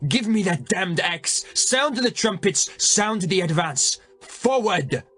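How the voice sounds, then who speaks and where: A man reading an audiobook voices a medieval French king who shouts orders and curses on the battlefield. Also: on the high side, measured pace, pitched above the performer's own voice. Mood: furious.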